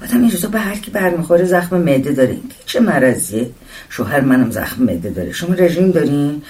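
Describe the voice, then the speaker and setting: A man voicing a talkative, nosy middle-aged housewife in a storybook reading, rushing on with fond endearments. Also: deep voice, big pitch swings, mellow. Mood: gossiping. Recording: voice distant from the mic.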